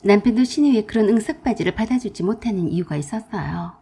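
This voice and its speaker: A woman narrating a dramatic radio story in a confiding, expressive way. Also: medium pitch, quick pace, breathy edge.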